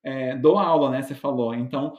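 A Brazilian man with a Brazilian Portuguese accent talks as a podcast guest. He tells his stories in a chatty, self-mocking way, full of fillers. The sound is roomy and echoey, at a middling pitch. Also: a little fast, darkish tone. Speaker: podcast guest, medical educator. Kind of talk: casual interview chat. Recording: roomy echo.

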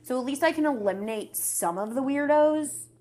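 A woman's voice: high-pitched, expressive, moderate pace, dark tone, slight background noise. A young woman hosting a podcast, chatting frankly and casually with many fillers. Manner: chatty, frank about dating, lots of fillers. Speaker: podcast host. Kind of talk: casual chat.

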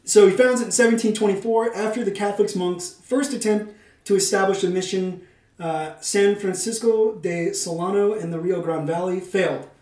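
A man hosts a podcast in a high voice with a darkish tone, keeping his intonation fairly even at normal speed. He combines semi-scripted narration with casual, playful banter and a theatrical flair, recorded with a distant mic and noticeable room echo.

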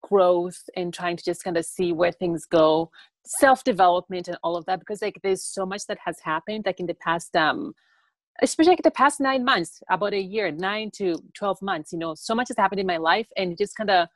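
A woman's voice: on the low side, moderate pace, no echo. A young woman from Tanzania, a guest in a casual interview, who talks in a rambling way with many fillers.

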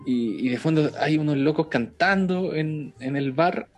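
A man's voice: fairly high pitch, measured pace, soft background music. A man with a Chilean accent chatting casually about a film and acting out its characters' lines as he retells scenes.

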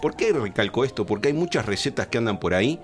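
A man in his fifties with a Uruguayan Spanish accent talks through a cocktail recipe. His pitch moves up and down a lot, and he keeps pausing to ask the group questions. Faint music plays underneath. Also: very animated. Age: 50s. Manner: explains step by step, asks the group questions. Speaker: guest bartender. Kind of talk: casual chat, cocktail demonstration.

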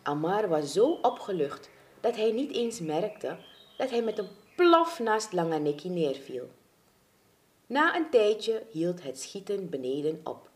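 A woman reads a children's story aloud. Her delivery is slow and expressive, and her pitch rises and falls widely as she dramatizes the tale.

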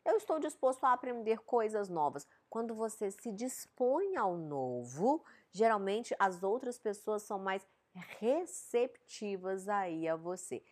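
A woman's voice: medium pitch, sing-song, measured pace. A woman with a Brazilian Portuguese accent hosting a live-stream Q&A, answering viewers' relationship questions in a frank, direct way and often checking in with short tag questions.

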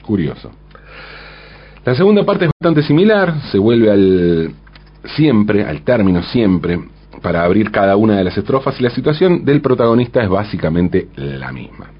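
Male commentator, reflective lyric analyst, slightly low and breathy-husky tone, muffled recording. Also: very animated, moderate pace. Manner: thoughtful, frequent rhetorical "¿no?", self-corrections.

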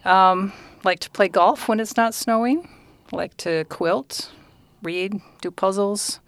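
A woman's voice: mid-range voice, takes it slowly, no room sound. A woman in her sixties, a guest on a podcast, talking about her life in a brief, matter-of-fact way. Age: 60s. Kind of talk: casual chat.

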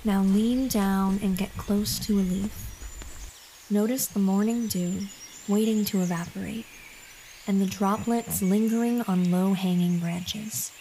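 A woman host narrating a scripted guided meditation in a calm, gentle, soothing and unhurried manner. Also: medium pitch, a little hiss or hum, poor audio. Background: background music.

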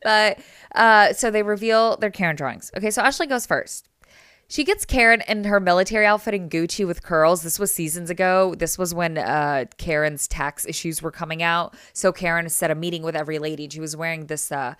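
Low, clear-voiced young woman recapping TV. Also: fairly quick, fairly bright tone, no echo, studio quality. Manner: chatty, narrates scenes, laughs often. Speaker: podcast co-host. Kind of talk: casual TV recap chat. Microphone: remote call audio.

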